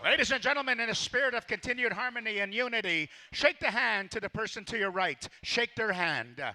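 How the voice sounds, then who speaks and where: Male ceremony MC, jovial live announcer, high voice with a gravelly, sharp edge. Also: fairly quick, slight background noise. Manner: jovial, joking. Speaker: powwow master of ceremonies.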